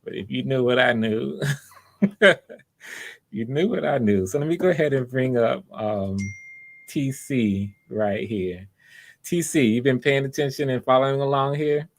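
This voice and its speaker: A man with a mid-range, creaky voice speaks a little slowly as he hosts online voice auditions for a project's casting. His manner is casual and conversational, enthusiastic and encouraging.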